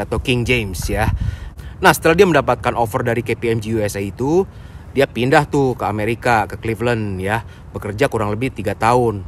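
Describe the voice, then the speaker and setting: A young man, telling a story in a casual, slangy vlog with lots of fillers. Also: medium pitch. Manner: chatty, conversational, slangy with many fillers. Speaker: vlogger. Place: recorded with construction and trucks nearby. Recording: faint construction noise behind.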